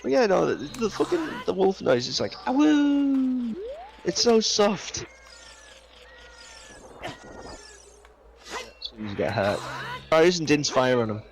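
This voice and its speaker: A man's voice: on the high side, very animated, measured pace, vocal fry, long pauses. A man chatting casually during a game stream, rambling, swearing offhand and laughing through his own stories. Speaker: co-op stream guest. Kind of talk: casual gaming chat.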